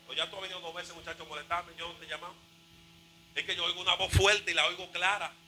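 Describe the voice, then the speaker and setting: A man voicing the old priest Eli as a drowsy, grumbling old man, speaking low and muttering. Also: steady tone, quick pace, bright, forceful tone, heavily acted, low-quality recording. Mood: annoyed.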